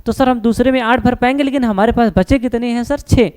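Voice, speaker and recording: Smooth-voiced man teaching with quiz-and-answer patter. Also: very high-pitched, fairly even intonation, fairly quick, darkish tone. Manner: asks questions and answers them himself, calls listeners "beta" and "sir"; reassuring, repeats "no problem". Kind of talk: classroom science lesson at a board.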